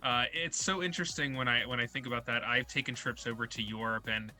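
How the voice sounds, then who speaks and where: A man's voice: medium pitch, fairly even intonation, fast talker, sharp tone, soft background music. A young man hosting an interview podcast, talking casually and rambling with lots of fillers. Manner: rambling, heavy on filler words. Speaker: podcast host.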